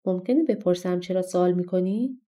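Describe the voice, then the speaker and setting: A woman voicing Jack, a carefree and hopeful young boy in a storybook, eager and quick to protest. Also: lowish voice, warm tone, lightly acted.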